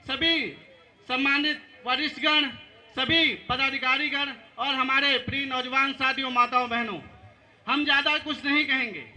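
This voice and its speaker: A local legislator rallies the crowd, repeating his phrases with force. His voice is high, bright and sharp. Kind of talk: rally speech.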